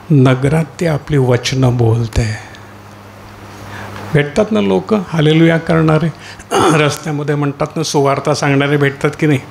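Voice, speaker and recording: A man's voice: fairly high pitch, gravelly, a little mellow, a little hiss or hum. A man preaching a sermon as pastor in a church hall, putting rhetorical questions to the congregation and calling out hallelujah.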